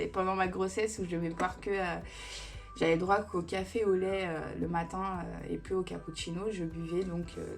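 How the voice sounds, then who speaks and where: A woman in her thirties with Italian family roots answers viewer questions in a casual beauty vlog Q&A. She's chatty, wanders off topic, and uses many fillers, speaking in a lowish, gravelly, darkish voice.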